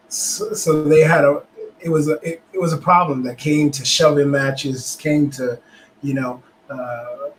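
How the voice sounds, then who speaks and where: A man co-hosting a casual talk show, speaking reflectively with many pauses and fillers. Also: medium pitch, slight background noise, rough recording. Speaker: podcast co-host. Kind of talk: casual conversation.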